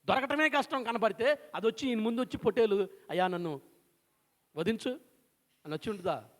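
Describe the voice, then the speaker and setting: A man delivers a sermon with a high, lifted voice. He retells an old scripture story and acts out its voices, pressing the listeners with question after question. His words ring out in a church hall with a long reverb. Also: animated, fast talker, a bit bright. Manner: retells scripture with acted quotes and rhetorical questions. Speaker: pastor.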